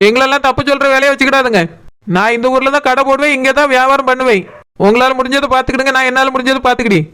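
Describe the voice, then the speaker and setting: A bright, fast-talking young cartoon woman voiced by a performer. She talks back in a clear, sharp voice with a Kanyakumari Tamil accent, quick to defend her family. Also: high-pitched, steady tone. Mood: defiant. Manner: assertive, retorting. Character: bold young woman, fish-seller sister of the bride. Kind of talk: cartoon voice acting.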